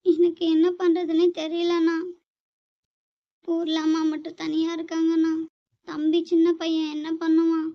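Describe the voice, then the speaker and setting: A woman plays a young sister who sobs and begs her older brother for help while secretly angling for his money. Her very high voice barely moves in pitch, so the pleading comes out flat and thin. The recording is dry and muffled. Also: a little slow, long pauses. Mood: tearful pleading. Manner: tearful, pleading, calls him brother repeatedly. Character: young woman faking tears to get money. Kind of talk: amateur short drama acting.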